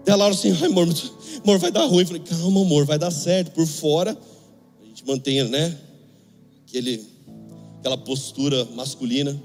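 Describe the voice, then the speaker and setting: A man's voice: on the high side, moderate pace, long pauses, darkish tone, long reverb tail, faint music behind. A young man preaching in Brazilian Portuguese, telling a funny story with acted dialogue. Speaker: pastor. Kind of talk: sermon.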